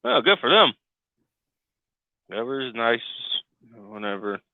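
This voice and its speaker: In a laid-back podcast chat, a middle-aged man rants with sarcasm and constant profanity, working himself up into loud outbursts. His mid-range voice is sing-song and unhurried, with vocal fry and no room sound. The headset line is tinny, dry and lo-fi, like a CB radio.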